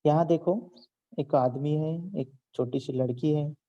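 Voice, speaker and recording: A man's voice: fairly high pitch, measured pace, warm tone, highs cut off. A man teaching an online Hindi lesson to children, reading out words and explaining each sound patiently. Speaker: school teacher.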